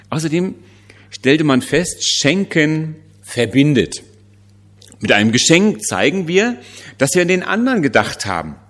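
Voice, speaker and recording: A male preacher delivers a Christmas sermon in a relaxed, conversational way, often turning to rhetorical questions. He speaks slowly and deliberately. His pitch swings widely for emphasis.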